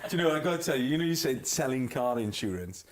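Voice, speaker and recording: A man's voice: mid-range voice, expressive, fast talker, over a noisy crowd. Laughing Welsh man telling stories. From Wales. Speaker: guest singer. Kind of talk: anecdotal chat show storytelling.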